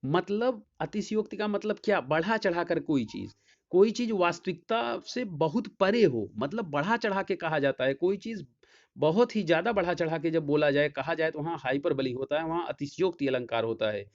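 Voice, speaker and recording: A man with a Hindi accent giving an English lesson as a teacher, explaining slowly and checking often that students follow. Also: a little high, lively intonation. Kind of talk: classroom lecture. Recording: dull lo-fi sound.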